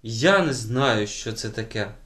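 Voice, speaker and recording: A man's voice: on the low side, lively intonation, measured pace, a bit bright. A man reading an audiobook voices a strict old spinster schoolteacher who speaks sternly and raises her voice in alarm. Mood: hushed worried. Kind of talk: audiobook character voice.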